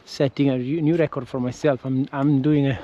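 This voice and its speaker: Walking outdoors and vlogging casually, an Italian-accented man who is not a native English speaker talks briskly in a steady, mid-range voice. He hesitates, restarts, and corrects himself often. His action camera with a windscreen yields audio with the highs cut off and slight background noise.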